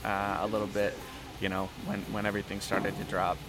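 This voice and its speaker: A man who manages artist relations at a drum company, answering interview questions in a relaxed, easygoing way with many fillers. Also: low-pitched, fairly quick, background noise. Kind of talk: casual interview.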